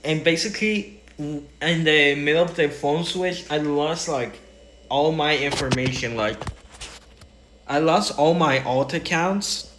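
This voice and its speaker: A man streaming a game, talking casually to his chat in quick rambling bursts and restarts. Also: on the high side, background noise. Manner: rambling, talks to chat while playing; quick bursts, trailing off mid-sentence. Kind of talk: casual gaming livestream chat.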